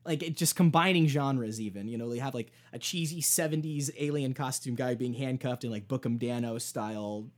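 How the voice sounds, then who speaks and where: Man pitching comedy ideas on a podcast. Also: brisk, few pauses. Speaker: podcast co-host. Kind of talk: casual chat.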